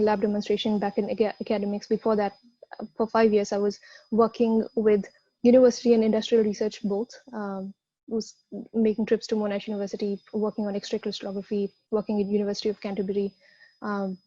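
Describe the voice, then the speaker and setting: A woman scientist from India speaking on an online panel over a video call, halting with many "uh" fillers. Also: medium pitch, warm tone, no echo, dull audio.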